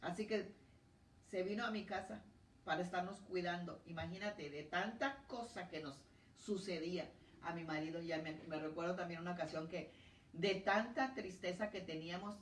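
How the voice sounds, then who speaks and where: Low-voiced woman preaching in an echoey church. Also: moderate pace, slight background noise. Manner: earnest, emotional storytelling. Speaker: preacher giving testimony. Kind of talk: sermon. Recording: echoey church hall from a distance.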